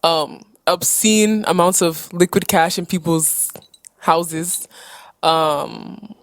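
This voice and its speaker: A woman's voice: lowish voice, takes it slowly, no room sound. Young nigerian-born woman hosting a pod, playful and chatty, dry close sound. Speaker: podcast host. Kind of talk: casual chat.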